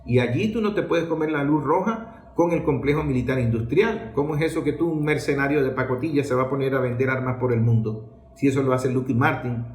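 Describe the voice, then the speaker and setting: A man with a Venezuelan accent delivers emphatic, rhetorical political commentary, posing questions and answering them himself. His voice is medium-pitched and fairly quick, and the recording sounds roomy and echoing.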